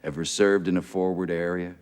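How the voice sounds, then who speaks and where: Deep low voice, actor doing a hard-nosed military commander in a movie, clipped and contemptuous. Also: male voice, little pitch movement, brisk, a little mellow, smooth, close to an everyday voice. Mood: cold. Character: hardened, menacing veteran military commander. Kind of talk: film drama acting.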